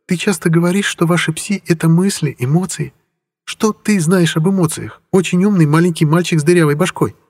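A husky young witch, put on by a male reader in an audiobook, her voice lifted well above his own. She talks in a teasing, knowing, mock-patient way. A long hall reverb trails behind every line. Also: fairly high pitch, fairly quick, a little mellow, voice pushed up. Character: young woman witch, sly, coaxing, sharp-tongued. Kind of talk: audiobook character voice.

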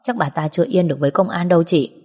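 A woman voicing a polite young male bodyguard who calms a frightened woman, in a storybook reading with long hall reverb. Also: lowish voice, rapid-fire, husky. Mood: reassuring. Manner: polite, calming.

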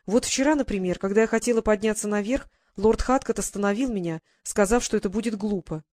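A woman voicing a timid young woman in an audiobook, speaking gently and shyly. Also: medium pitch, fairly quick, no echo, clean studio sound, natural voice. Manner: gentle, shy and pleading. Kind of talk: audiobook character reading.

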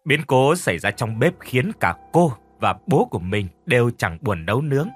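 A man narrating a scripted horror story with dramatic, expressive delivery. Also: mid-range voice, normal speed, breathy edge. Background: faint music.

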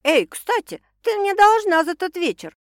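A woman's voice: on the high side, animated, normal speed, fairly bright tone, smooth, no room sound. A woman voicing a blunt, crude, indignant young woman among friends, in a dry recording. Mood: brash. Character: brash, sharp-tongued young woman who drinks.

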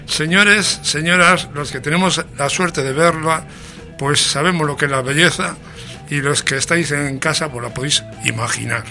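Over background music, this Spain-accented radio host talks through his show in a playful, theatrical, exclamation-filled way. His slightly high voice moves at a moderate pace and sounds creaky, pushed and bright.

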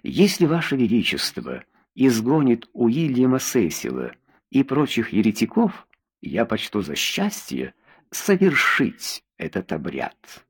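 Slow serious ambassador w/ spanish accent, man reading him, husky. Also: medium pitch, huge pitch swings, heavily acted. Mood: grave. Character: grave, scheming older male ambassador.

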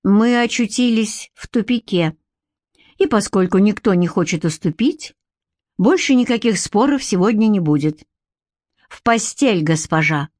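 A woman's voice: mid-range voice, lively intonation, measured pace, a little mellow, no echo, studio quality, lightly acted. A woman reading the part of a cold, cynical Viking warrior who curtly orders his captive about. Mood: cold commanding. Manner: curt, coolly commanding, cynical.

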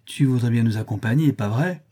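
A man's voice: mid-range voice, brisk, mellow, husky, close to an everyday voice. A man voicing a cunning boy who talks in a coaxing, mock-casual way in an audiobook reading. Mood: sly. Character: cunning boy, sly and nonchalant.

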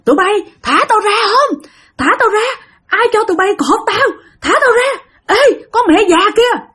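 Brief: woman playing a possessed father, Southern Vietnamese accent, a girl's spirit shrieking high and husky. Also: sing-song, brisk, fairly bright tone. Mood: raging. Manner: shrieking, cursing, pleading. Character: possessed father, a young girl's spirit raging then sobbing.

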